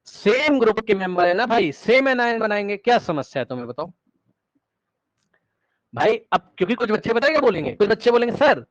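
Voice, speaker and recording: A male teacher giving a live online class lecture, energetic, repeating words rapidly to prod his students and coaxing them with questions. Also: sits high, dry recording. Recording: dull, dry online-class audio.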